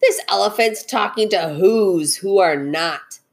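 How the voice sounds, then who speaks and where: A woman's voice: medium pitch, unhurried, creaky. A woman voicing a bullying jungle monkey from a storybook, scoffing and bossy. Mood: scornful.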